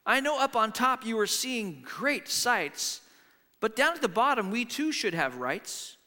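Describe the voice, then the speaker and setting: A man's voice: very high-pitched, sing-song, measured pace, pushed and bright, heavily acted. A man voicing a meek, polite little turtle who groans and pleads, in a storybook reading with long hall reverb. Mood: pained, complaining.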